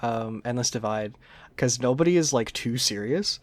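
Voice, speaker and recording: A man's voice: medium pitch, moderate pace, no room sound. A man hosting a casual chat, talking informally and circling back to rephrase himself. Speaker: podcast host interviewing a fellow player.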